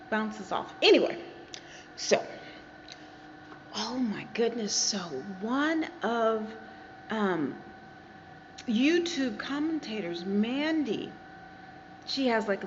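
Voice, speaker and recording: An American woman vlogging casually from a garage, talking to her viewers in a chatty, digressive way. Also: on the high side. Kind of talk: casual rambling commentary to viewers. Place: garage with reflective acoustics. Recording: dull muffled sound with background noise, live garage.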